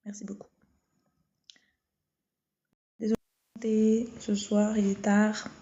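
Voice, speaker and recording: The phone audio is a bit dull and muffled as a woman with a soft, warm, mid-range voice chats and reads the Bible on a late-night live stream from home. She keeps a measured pace and an even tone with little rise or fall, speaking hesitantly with plenty of fillers and restarts.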